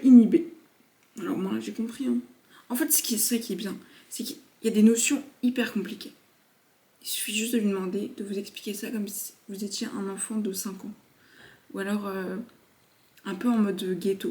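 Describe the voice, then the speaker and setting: This woman's voice is medium in pitch and a little mellow. She's a twenty-something university student vlogging, talking to her viewers in a casual, slangy way straight to camera.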